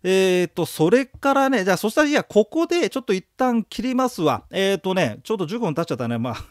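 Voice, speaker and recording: A man's voice: high voice, big pitch swings, quick pace, dry recording, clean studio sound. A man giving a recorded audio lecture for exam prep, talking casually, joking and leading rhythmic memory chants.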